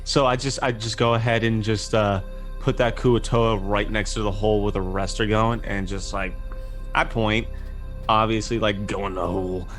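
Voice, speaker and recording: A man chatting casually as a player in a tabletop game, halting as he describes his character's actions. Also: lowish voice, level tone, a bit bright, faint music behind.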